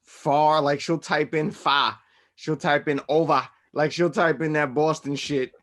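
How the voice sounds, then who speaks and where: A man co-hosting a podcast in casual chat, animated and joking, swinging between loud and soft and swearing freely. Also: on the high side, a little slow. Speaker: podcast co-host.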